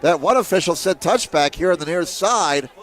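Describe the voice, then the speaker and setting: A man calling play-by-play for a high school football game, steady and measured that rises sharply on big plays. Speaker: play-by-play commentator.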